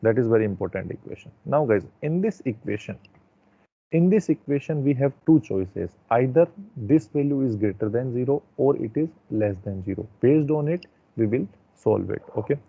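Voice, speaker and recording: A man with an Indian accent, a teacher giving an online class, explaining slowly and checking in often, heard through a thin, phone-like headset mic. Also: medium pitch, lively intonation, gravelly, husky, no room sound. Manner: slow, drawn-out explaining with frequent check-ins.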